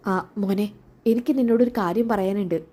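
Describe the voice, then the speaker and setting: A woman's voice: mid-range voice, dark tone, breathy edge, lightly acted. A woman voicing a hesitant, worried mother. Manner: hesitant, halting. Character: worried middle-aged mother, hesitant bearer of bad news.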